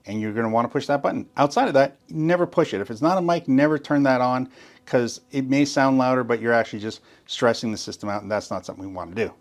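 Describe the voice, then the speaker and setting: In a step-by-step tutorial, a gear demonstrator with a mid-range voice shows viewers how to set up a sound system. He explains eagerly and keeps stressing what is very important.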